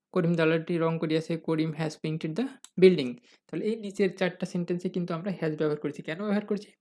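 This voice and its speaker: Teacher for a recorded grammar lesson. Patient and methodical, answers their own questions, and spells out each example sentence slowly. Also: mid-range voice, darkish tone. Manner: addresses the viewers as "dear learners".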